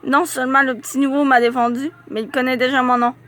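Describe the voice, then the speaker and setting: A woman reading a diary-style youth novel aloud, with lively, expressive storytelling and small slips. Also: high-pitched, quick pace.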